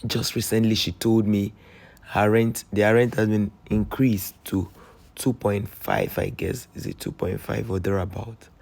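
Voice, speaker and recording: A Nigerian man narrates his travel vlog in a voice that is hoarse and strained. His tone sits low, with a gravelly fry running through his words. He talks in an earnest, chatty way and pleads openly with his viewers. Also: animated, measured pace, a little mellow. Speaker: travel vlogger.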